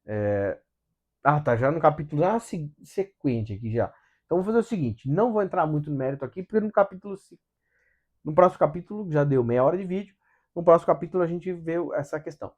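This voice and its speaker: A man's voice: fairly high pitch, expressive, fast talker, darkish tone, lo-fi sound. A man hosting a casual spiritual book study in Brazilian Portuguese, talking with animation, asking rhetorical questions and acting out quotes in different voices.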